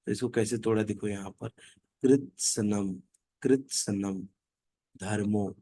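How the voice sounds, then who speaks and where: A man leading an online reading group who chants verses slowly and then explains them in casual, conversational talk. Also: on the low side, level tone, mellow, dry recording. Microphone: online video call.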